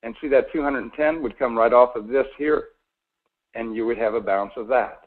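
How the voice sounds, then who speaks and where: A man's voice: mid-range voice, a little fast, phone-quality sound. A man presenting a financial seminar to a live audience, folksy and a little sarcastic, often putting questions to the crowd.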